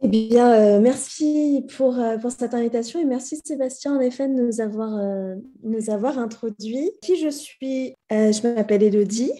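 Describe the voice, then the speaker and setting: A woman in her thirties speaks as a podcast guest. Her voice is warm and mellow, and she talks casually, often hesitating and starting her sentences over. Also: fairly high pitch, moderate pace, hardly any pauses. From France. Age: 30s. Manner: hesitant, many fillers and restarts. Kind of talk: casual interview.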